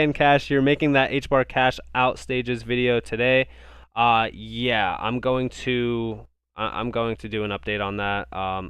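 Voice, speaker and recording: A man's voice: medium pitch, a bit bright, smooth, no room sound. A young man from the United States hosting a crypto live stream, reading viewer comments and answering in a casual, rambling way, often repeating words. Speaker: crypto livestream host.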